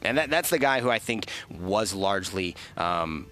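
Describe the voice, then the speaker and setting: A man casting an esports match live, energetic and joking, often restarting his words. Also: low voice, normal speed, faint music behind. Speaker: esports caster. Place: esports event broadcast desk.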